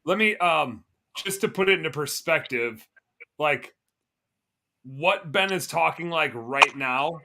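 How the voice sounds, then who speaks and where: A man co-hosting a casual podcast, telling a hunting story with lively explanations and sudden loud bits of mimicry. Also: a little high, slow, creaky, a little hiss or hum. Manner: animated, explains for listeners, bursts of loud mimicry. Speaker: podcast co-host.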